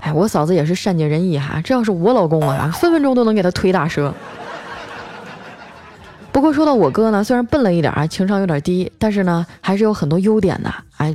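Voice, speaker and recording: A woman's voice: lowish voice, a little mellow, slight background noise. A woman telling comic everyday stories in a chatty monologue, sprinkled with filler particles. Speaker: comic storyteller.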